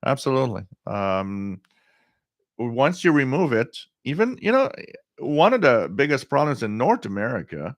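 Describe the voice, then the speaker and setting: A middle-aged man hosting a casual live stream, talking in a halting way with frequent pauses as he reads out viewer comments. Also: mid-range voice, very animated, no room sound, studio quality. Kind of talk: casual live stream chat about radio.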